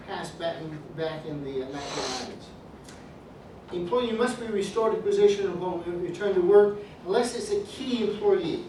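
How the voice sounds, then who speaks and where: A man's voice: sits high, a little mellow, recorded from a distance, slight background noise. Man lecturing in an echoey classroom. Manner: joking, calls on students by name. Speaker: business law professor.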